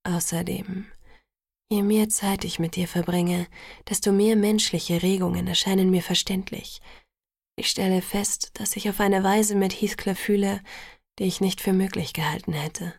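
A gentle young vampire man speaks in a soft, low murmur, as a woman reading the audiobook puts him on. The gravelly, creaky tone sits close and dry, with no room around it. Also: level tone, unhurried, no echo, heavily acted. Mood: tender.

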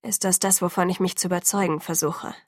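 A woman's voice: on the low side, steady tone, brisk, no room sound, clean studio sound. A woman voicing a teenage boy in an audiobook who holds back his anger, speaking curtly with a tightly controlled voice. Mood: tense, restrained. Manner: clipped, tightly controlled speech. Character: angry restrained teenage boy, tense and curt.

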